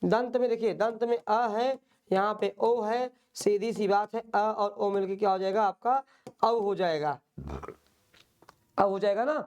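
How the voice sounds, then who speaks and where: A man's voice: high voice, unhurried, a little mellow, clean tone. A male teacher giving an online exam-prep lecture, patiently explaining and drilling by repeating questions and answers.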